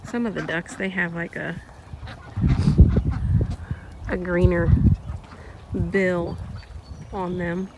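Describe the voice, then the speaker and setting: Filming her farm vlog outdoors among the poultry, this woman talks in a slow, relaxed way, often pausing, saying um and starting over. Her pitch is fairly low and barely moves. Ducks quack and chickens sound off in the background of the phone recording, where farm noise comes through clearly.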